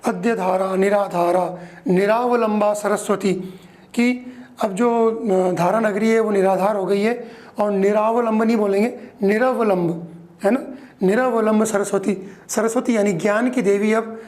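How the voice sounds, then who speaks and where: A male teacher giving a grammar lesson, explaining slowly and repeating each word, often checking in with the class. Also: high voice, fairly even intonation, darkish tone.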